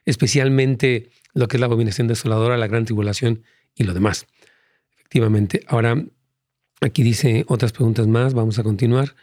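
A man's voice: medium pitch, darkish tone, no echo, studio quality. A middle-aged male pastor, answering listener questions in a conversational teaching way with many fillers and restarts.

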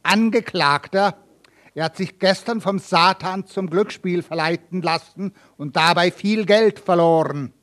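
A man's voice: high voice, unhurried, a bit bright. A man reading aloud and voicing a stern, scornful village judge who questions harshly and threatens. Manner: cold, threatening, mocking.

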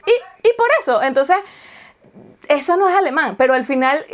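A woman's voice: high-pitched, lively intonation, normal speed, a crowd in the background. A Venezuelan woman in casual chat, telling a story and acting out the dialogue. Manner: chatty storyteller, acts out dialogue.

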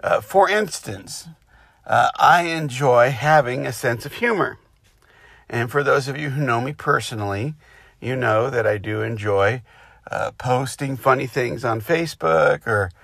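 A man giving an informal, reflective spiritual talk in a halting, unscripted way, recorded inside a car with rain hitting it. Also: medium pitch, creaky, fairly bright tone, no echo, clean studio sound. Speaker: spiritual teacher.

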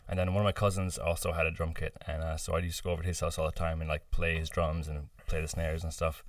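Podcast guest from the Boston area, low smooth voice, easygoing rambling storyteller, slightly distant mic. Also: male voice, fast talker, no echo. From United States, near Boston. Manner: relaxed storytelling with many fillers and laughs. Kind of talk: casual interview chat.

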